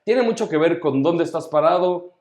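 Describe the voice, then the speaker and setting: A man's voice: a little high, moderate pace, a little mellow, roomy sound. A Mexican man co-hosting a podcast, chatting casually in a playful, upbeat way. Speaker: podcast co-host. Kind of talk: casual chat.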